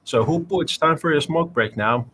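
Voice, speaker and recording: A man's voice: on the high side, normal speed, fairly bright tone, low-quality recording. Joking male esports commentator. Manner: joking, teasing banter. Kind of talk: live game commentary.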